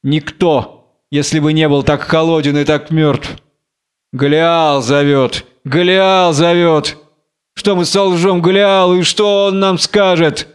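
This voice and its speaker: A man's voice: fairly high pitch, steady tone, takes it slowly, clear, resonant tone. A man reading aloud as a blind, raging biblical strongman, with wild, taunting, exalted declamation. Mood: furious. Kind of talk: theatrical audiobook reading.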